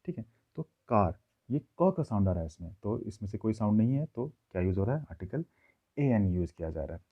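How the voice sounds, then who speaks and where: A man teaching a classroom grammar lesson, explaining slowly and checking in with his listeners often. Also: fairly low pitch, very animated, husky. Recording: tinny phone-like audio.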